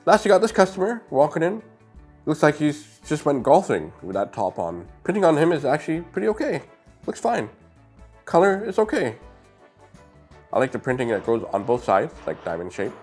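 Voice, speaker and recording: A middle-aged man with a slightly sniffly nose reviews a toy in a casual, upbeat, chatty way, talking straight to his viewers through a clip-on lapel mic. His voice is a little high, sing-song and darkish with a breathy edge, at normal speed, with soft background music. He's in an indoor room lined with shelves of brick sets.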